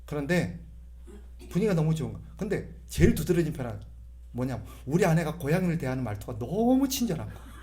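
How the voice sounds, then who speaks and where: A man's voice: a little high, big pitch swings, fast, dark tone. A middle-aged male pastor giving a humorous sermon, imitating voices and having the congregation repeat phrases after him.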